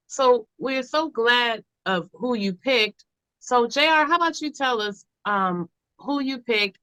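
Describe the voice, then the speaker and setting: An American woman hosts a casual music talk show. Her voice sits a little high and is bright, with very animated intonation. The sound is dry and close. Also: dry recording, poor audio. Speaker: podcast host.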